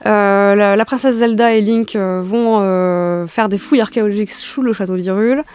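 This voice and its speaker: A woman's voice: mid-range voice, normal speed, clear, resonant tone. A woman guest on a French talk show, chatting casually about a video game with frequent fillers. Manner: relaxed, hesitant with fillers, explaining. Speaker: guest gamer.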